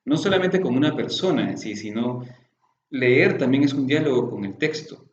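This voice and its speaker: A male lecturer teaches a class on classical Chinese medicine at an even, mid-range pitch. He explains step by step, asks rhetorical questions and often tacks a questioning "right?" onto his points. The recording is echoey and slightly dull, with a faint hiss behind him. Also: moderate pace.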